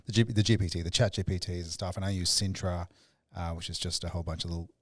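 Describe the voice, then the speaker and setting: Male podcast host, slightly low voice, easygoing chat, dry close mic. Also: fast, no echo. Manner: relaxed, conversational, laughs along. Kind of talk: casual chat and read ad.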